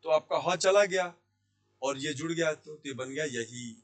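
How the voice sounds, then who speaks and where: A man teaching Hindi grammar in a classroom lesson. He asks questions and answers them himself, repeating key words slowly. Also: a little high. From India. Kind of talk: classroom lesson explaining sandhi. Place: Jaipur language institute.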